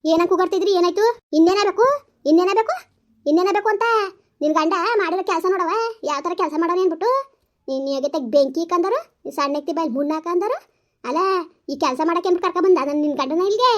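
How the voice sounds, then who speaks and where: A woman's voice: extremely high pitch, quick pace, lo-fi sound. A woman playing a furious village mother-in-law who curses and repeats insults. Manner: loud, cursing, repeating insults. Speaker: village skit actor. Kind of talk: village comedy skit acting.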